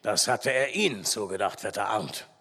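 A man doing a gruff old forester. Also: on the low side, normal speed, pushed and bright, long reverb tail, pitched below the performer's own voice, full character voice. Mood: gruff, grumbling.

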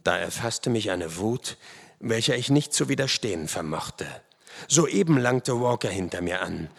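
A man reading a first-person adventure story aloud in a dramatic, expressive way. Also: on the low side, unhurried, creaky. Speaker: audiobook narrator. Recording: long hall reverb.

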